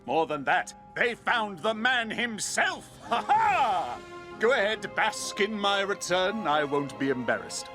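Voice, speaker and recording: A man's voice: sits high, very animated, a little slow, bright, forceful tone, soft background music, exaggerated voice. A man playing a boastful old-fashioned explorer hero in a video game, pompous, theatrical and given to exclaiming. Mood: proud, exuberant. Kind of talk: video game character acting.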